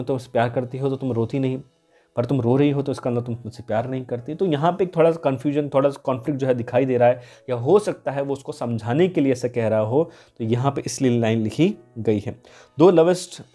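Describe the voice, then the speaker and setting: A man teaching a poem lesson, reading verse lines slowly and explaining them, repeating key terms. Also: mid-range voice, warm tone, soft background music.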